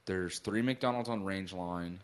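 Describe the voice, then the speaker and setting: A man's voice: deep voice, measured pace, smooth. A man co-hosting a talk show in casual banter, slangy, griping and a bit self-deprecating.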